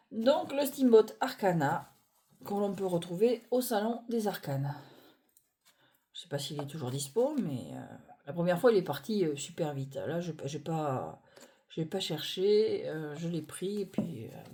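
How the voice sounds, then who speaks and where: A woman reviewing tarot decks in a casual, hesitant chat, often pausing with fillers and laughing at her own clumsiness, recorded on a phone on a stand at home. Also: fairly low pitch, big pitch swings, mellow. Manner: chatty, hesitant, self-deprecating, many fillers.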